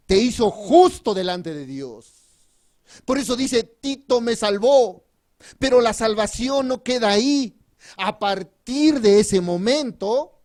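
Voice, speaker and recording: Man, high voice, from Mexico, preacher, church retreat sermon, fervent, loud emphasis then quiet asides. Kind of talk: sermon with personal testimony.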